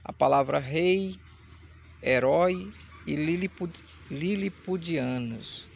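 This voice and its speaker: A man teaching an online Portuguese grammar lesson, explaining step by step and slowing down to sound out syllables. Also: on the high side, gravelly, a little hiss or hum. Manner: explanatory, slows down to spell out syllables. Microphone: camera mic, camera switched off.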